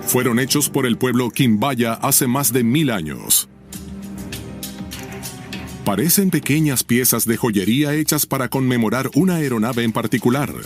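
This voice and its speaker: A man's voice: mid-range voice, lively intonation, unhurried. A man narrating a scripted documentary in a nature documentary style, dramatic and intriguing, often posing questions. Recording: music bed behind the voice.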